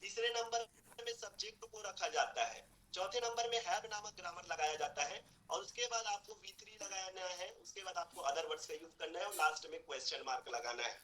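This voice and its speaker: A man teaching a spoken English class, repeating example sentences slowly and urging his students to practise and work hard. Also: high voice, sharp tone, slight background noise, rough recording. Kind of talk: online language class explaining grammar.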